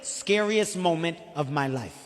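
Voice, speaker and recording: Animated high-voiced stand-up comic. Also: male voice, unhurried, long reverb tail. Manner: loud, animated, slangy storytelling. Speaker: stand-up comedian. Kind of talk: stand-up routine.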